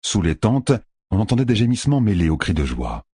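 A man narrating an audiobook in an expressive storytelling manner. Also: lowish voice, a little fast, breathy edge, no echo, clean studio sound. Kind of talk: scripted narration.

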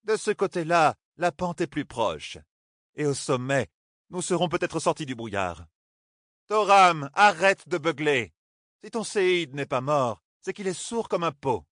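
A man's voice: on the high side, big pitch swings, measured pace, a bit bright, no room sound, clean studio sound, voice pushed up. A man voicing a cool, commanding sorceress. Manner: cool, clipped orders. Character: calm commanding sorceress woman, authoritative.

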